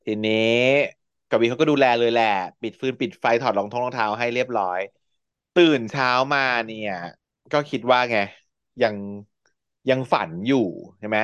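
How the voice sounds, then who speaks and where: A man's voice: mid-range voice, normal speed, clean tone, no echo, highs cut off. A man hosting a podcast, retelling a series in a chatty, playful way and laughing often. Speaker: podcast host. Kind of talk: casual chat recapping a TV series.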